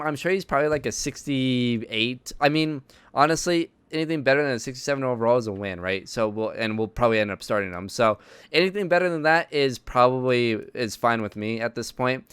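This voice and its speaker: A man's voice: medium pitch, fairly bright tone, clear, resonant tone, no room sound. A man giving casual gameplay commentary, thinking aloud with many ums and uhs. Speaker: video game commentator.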